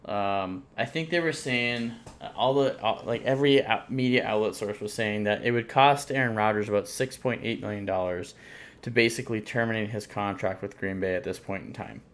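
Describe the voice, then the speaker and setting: A man's voice: on the low side, moderate pace. A man co-hosting a sports podcast in casual chat, rambling with lots of fillers and restarts. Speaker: podcast co-host.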